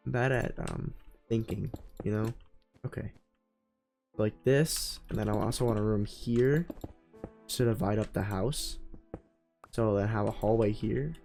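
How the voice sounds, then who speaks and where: A man with a gravelly, creaky voice and a mellow, dark tone talks through his building as he plays. He thinks aloud, trails off mid-sentence and corrects himself as he goes. Soft music plays faintly behind him. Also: on the low side. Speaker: let's play host. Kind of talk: casual gameplay commentary. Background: faint background music.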